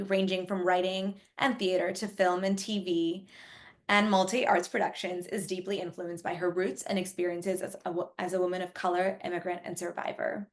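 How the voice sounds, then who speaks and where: A woman on the organizing team presenting to an online summit, speaking gratefully with frequent ums and small restarts. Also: lowish voice. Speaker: summit organizer introducing keynote.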